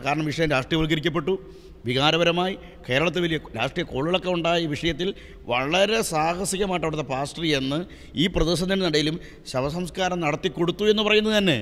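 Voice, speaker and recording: A man speaking for a church on a discussion panel, explaining at length in a measured way with filler sounds. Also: fairly high pitch, a bit bright, big-room sound. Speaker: church spokesman.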